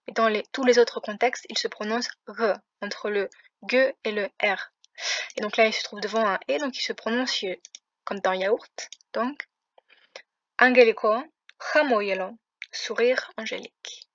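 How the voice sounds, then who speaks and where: A woman's voice: on the high side, fairly even intonation, normal speed, dry recording. A woman teaching a language lesson, patiently explaining pronunciation step by step. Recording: muffled, dry close recording.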